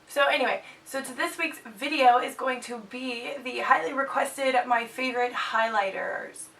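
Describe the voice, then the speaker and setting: This young woman, a beauty vlogger in her twenties, sounds congested as she casually reviews products and tosses in jokes. She speaks at a normal speed in a high, creaky voice with a sharp tone. A faint hiss sits behind a slightly distant mic.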